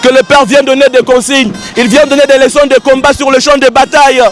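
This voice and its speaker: A hoarse man calling a wrestling match live, shouting and repeating his lines with drama. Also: very high voice, little pitch movement, fairly quick. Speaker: wrestling commentator. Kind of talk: excited live sports commentary. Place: outdoor wrestling ring with a crowd. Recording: loud crowd and music outdoors.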